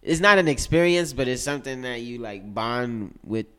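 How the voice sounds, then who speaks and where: A man in casual chat, easygoing and quick to laugh. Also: medium pitch, smooth. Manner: relaxed, laughs easily.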